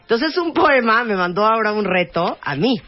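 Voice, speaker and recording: A woman's voice: mid-range voice, lively intonation, normal speed, muffled recording, faint music behind. A woman hosting a radio show, chatting playfully with her co-host and laughing often. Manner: playful, laughs often, reads English words with effort. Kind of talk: casual radio banter.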